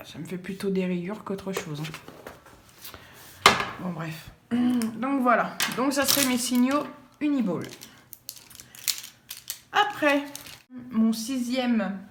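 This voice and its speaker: A woman's voice: fairly high pitch, slow pace, long pauses, heavy background noise. A woman chatting casually about her art supplies, rambling with many fillers and repeated words. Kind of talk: casual chat.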